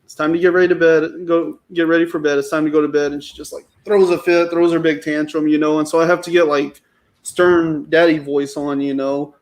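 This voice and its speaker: Young guy on a video call telling stories about his kids, laughs a lot, kinda high voice. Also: flat delivery, a little fast. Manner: laughs often, storytelling. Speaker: show host. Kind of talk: casual chat.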